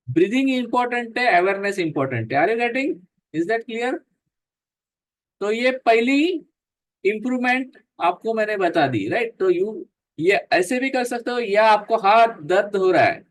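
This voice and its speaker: Slow-counting male yoga instructor. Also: high-pitched. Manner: slow counting, mixes Hindi and English, joking and encouraging. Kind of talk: guided breathing class, counting aloud.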